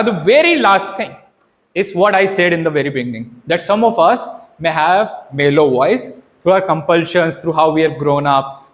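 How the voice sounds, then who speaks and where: This man's voice sits high as he conducts an interactive public speaking workshop. Animated and instructive, he often asks questions and checks in with participants.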